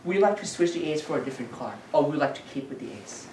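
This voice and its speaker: A woman's voice: low voice, expressive, racing, mellow. A woman performing as a magician at a children's party, giving patter and instructions and putting questions to the young audience. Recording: echoey room, distant mic, noisy background.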